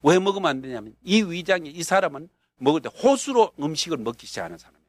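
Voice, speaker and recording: Animated North Korean-accented preacher. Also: male voice, on the high side, fast talker, dry recording. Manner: animated, acts out scenes, bursts of shouting and laughter. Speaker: pastor and missionary. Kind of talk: storytelling sermon.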